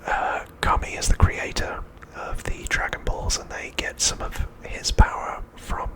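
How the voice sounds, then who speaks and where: In a breathy whisper without any voicing, a man reads a scripted ASMR recap, his delivery calm, measured, and hushed.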